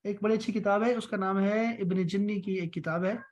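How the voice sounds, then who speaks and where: A man's voice: high voice, fairly even intonation, brisk, highs cut off. A man from Pakistan teaching an online Arabic class on a call, patient and encouraging, repeating each point.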